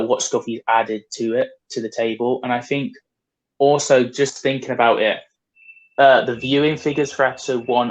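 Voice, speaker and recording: A man speaking as a podcast guest, in a measured, hesitant way with ums and restarts. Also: mid-range voice, poor audio. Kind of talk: casual chat.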